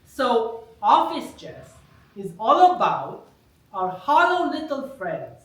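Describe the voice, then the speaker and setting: A woman comedian does live prop stand-up in an unhurried, bright voice that swoops up and down, and she chuckles at her own puns. Her voice is high. The recording is echoey and the mic sits at a distance. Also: huge pitch swings. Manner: wry wordplay, laughs at her own jokes.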